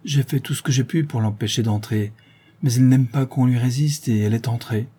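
A man's voice: medium pitch, brisk, dark tone, slightly rough, natural voice. A man voicing a middle-aged female servant who is anxious and devoted, speaking deferentially, in an audiobook reading. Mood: pleading.

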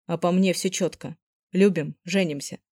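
A woman's voice: lowish voice, fairly even intonation, normal speed, darkish tone, no room sound, clean studio sound, lightly acted. A woman voicing blunt bossy young man. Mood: blunt, grumpy.

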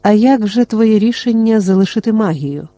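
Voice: mid-range voice, lively intonation, normal speed, warm tone, no room sound, pitched above the performer's own voice, natural voice. A reader voicing a scornful male mage who talks in a sarcastic, sneering way in an audiobook. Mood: mocking.

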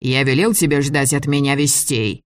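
A commanding, angry school director barks short orders and will not be argued with, as a man reads him. His voice sits at a middle pitch. The audiobook sound is close and dry. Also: steady tone, normal speed, no echo, natural voice. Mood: furious. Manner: curt, commanding, shouting.

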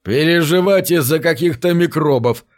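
A man voicing a brash, gloating male space adventurer who mocks loudly in an audiobook reading. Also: a little high, animated, a little slow, voice pushed up. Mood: mocking. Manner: loud, mocking, laughing.

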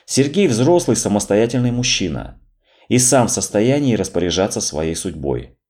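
A composed adoptive mother in an audiobook story, speaking quietly, low and measured, wary of being deceived, as a male narrator puts her on. Her tone stays cool and controlled. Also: very animated. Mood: firm.

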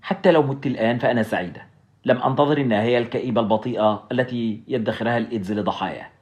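A man reading the lines of a gravely injured young woman who speaks quietly and grows weaker. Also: medium pitch, expressive, very fast, close to an everyday voice. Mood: fading. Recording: dull lo-fi recording.

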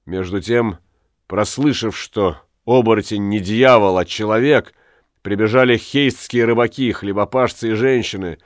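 A man's voice: lowish voice, normal speed, no echo. Male audiobook narrator, dramatic storytelling, dry close sound.

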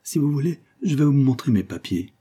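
A man's voice: lively intonation, a little fast, dark tone, slightly rough. A man voicing a ragged drunken beggar who pleads and stammers. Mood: pleading. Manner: pleading, stammering, high and strained.

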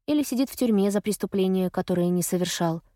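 A woman reads a novel aloud in the first person, expressive and reflective. Her voice sits at a middle pitch. The recording is dry and close, with no room sound. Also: fast, no echo. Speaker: audiobook narrator.

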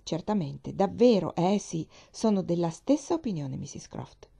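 A woman's voice: lowish voice, animated, normal speed, gravelly, dark tone, husky, heavily acted. A woman reading the part of a placid middle-aged lady, mild and agreeable.

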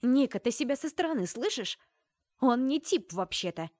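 A woman's voice: high voice, very animated, normal speed, a little mellow, no room sound, clean studio sound, pitched above the performer's own voice. A woman reading an audiobook voices a nosy young woman student who teases her friend. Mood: teasing. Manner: teasing, snorting.

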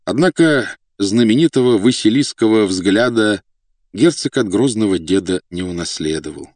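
Male audiobook narrator, low-pitched, dry studio sound, measured delivery. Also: darkish tone, no room sound. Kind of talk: scripted narration.

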